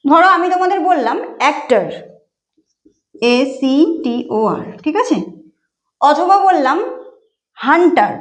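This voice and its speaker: A woman's voice: sits high, expressive, measured pace, pauses often. A woman teaching an exam-prep grammar lesson, explaining step by step and spelling words out letter by letter. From Bengal. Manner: explains step by step, often says "ঠিক আছে".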